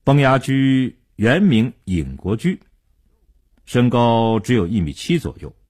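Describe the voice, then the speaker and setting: A male storyteller narrates a crime tale with a husky voice and big swings of pitch. His radio storytelling is dramatic and animated, rising and falling with the action. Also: slow.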